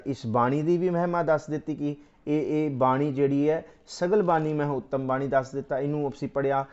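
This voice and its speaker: A man giving a Sikh scripture exposition, reciting verses slowly and then explaining them phrase by phrase, asking and answering his own questions like a teacher. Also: fairly high pitch, a little mellow, lo-fi sound.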